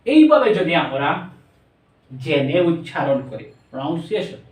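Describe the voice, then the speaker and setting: A man with a Bangladeshi accent teaching a spoken English lesson, slowly stretching out words and mixing English into his explanations. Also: fairly high pitch, big pitch swings. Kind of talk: classroom lesson. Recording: echoey room, voice from a distance.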